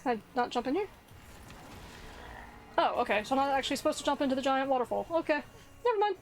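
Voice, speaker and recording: A woman's voice: sits high, big pitch swings, fast, poor audio. A woman streamer chatting casually with viewers while she plays a video game. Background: faint game music.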